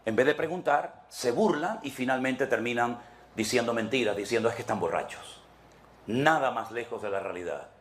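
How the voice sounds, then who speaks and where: A man's voice: medium pitch, moderate pace, slight background noise. A man preaching a sermon to his congregation as pastor, emphatic and repetitive, speaking to them directly.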